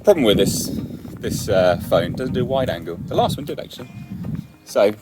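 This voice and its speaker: A man's voice: lowish voice, moderate pace, music in the background, poor audio. An English man hosting a car channel, chatting and joking casually with a friend while filming. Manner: animated, joking, teasing. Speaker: channel host.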